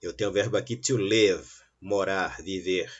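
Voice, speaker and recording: Husky low-voiced man teaching English. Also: fairly even intonation. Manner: slow, drawn-out model sentences in English between quicker explanations. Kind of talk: online English lesson for Portuguese speakers. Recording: dull, lo-fi sound.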